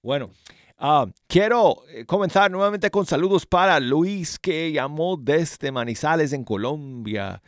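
A man's voice: on the high side, expressive, unhurried, no room sound, clean studio sound. A middle-aged man hosting a casual music show on radio, chatty and self-deprecating, working to articulate and slightly slurred from dental braces. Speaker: radio host. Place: radio studio.

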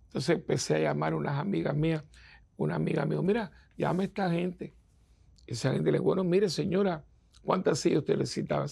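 Man, priest, sermon, very gravelly, husky, emphatic. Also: fairly high pitch, darkish tone. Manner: emphatic, acts out quoted voices.

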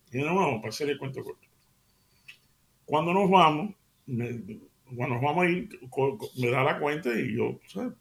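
Gravelly man telling a radio anecdote. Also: mid-range voice. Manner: chatty anecdotal, addresses listeners warmly as family. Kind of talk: casual radio storytelling.

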